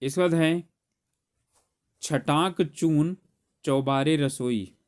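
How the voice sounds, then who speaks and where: A man's voice: a little high, very slow, clear, resonant tone. A man teaching grammar, solving an exam paper aloud step by step and correcting himself as he goes. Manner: explains step by step, corrects himself mid-sentence.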